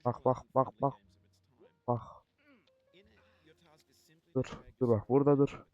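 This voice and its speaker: A man giving let's-play commentary, cursing a lot in frustration and repeating short words while coaching himself to stay calm. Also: medium pitch, takes it slowly, muffled recording. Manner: repetitive outbursts. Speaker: gaming YouTuber.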